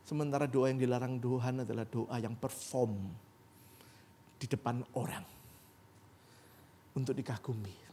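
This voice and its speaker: A man's voice: mid-range voice, fairly even intonation, a little slow, long pauses, mellow, a little hiss or hum. A man preaching a sermon as pastor in a church, conversational and rising to emphatic peaks. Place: church sanctuary.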